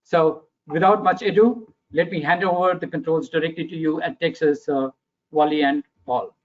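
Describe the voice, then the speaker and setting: A man from India with an Indian English accent opens a webinar and introduces the speakers formally, pausing often on uhs. His voice sits fairly high, and the audio is muffled and lo-fi. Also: steady tone. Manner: formal, hesitant with many uhs. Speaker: regional marketing director and webinar moderator.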